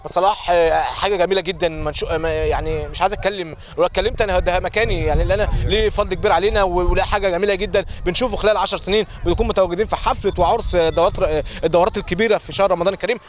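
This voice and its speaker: A man's voice: high voice, steady tone, rapid-fire. An Egyptian man hosting a sports academy ceremony, interviewing guests with effusive, repetitive praise and frequent restarts. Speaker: event host, interviewer. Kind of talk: live event interview.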